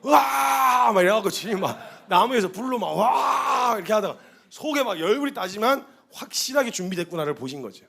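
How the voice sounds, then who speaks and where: Guy preaching in a church, pretty high voice, animated storytelling, acts out the dialogue. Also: a little fast, vocal fry, breathy edge. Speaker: missionary preacher. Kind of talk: sermon. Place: church hall before a seated congregation.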